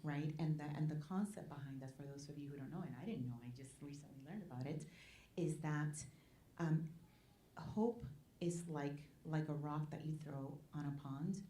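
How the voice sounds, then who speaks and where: This is an earnest panel talk by a Spanish woman from Puerto Rico who heads a nonprofit, addressing a community forum and repeatedly asking listeners "right?". She has a low, mellow voice and a moderate pace, recorded in an echoing event hall with a faint hum of background noise.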